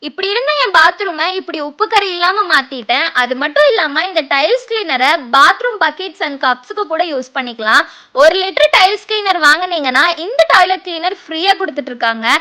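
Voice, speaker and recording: A woman with a Tamil Nadu accent giving a chatty product pitch straight to her viewers. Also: big pitch swings, fairly quick, pushed and bright. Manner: chatty, direct address to viewers. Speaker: product promoter.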